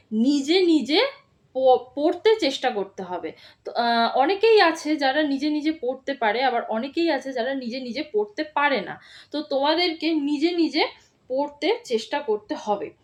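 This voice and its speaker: A woman teacher giving a children's reading lesson, patiently spelling words out syllable by syllable. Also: high voice. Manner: slow syllable-by-syllable spelling drills, instructive and patient.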